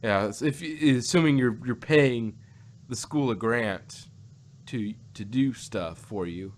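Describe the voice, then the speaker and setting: A medium-pitched male co-host of an audio drama review podcast talks at a slow pace in a casual discussion. He rambles and repeats phrases as he goes, and the recording carries noticeable background noise.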